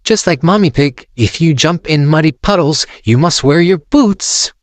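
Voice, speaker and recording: A man voicing a bossy, excitable little girl piglet in a storybook read-aloud, with an eager, pleading manner. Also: on the high side, normal speed, no room sound, voice pushed up, natural voice.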